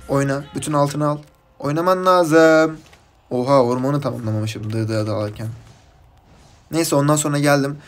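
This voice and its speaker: A man from Turkey commenting casually on his mobile game match, chatty and rambling from topic to topic, with bursts of excited shouting at his teammates. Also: mid-range voice. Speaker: gaming YouTuber.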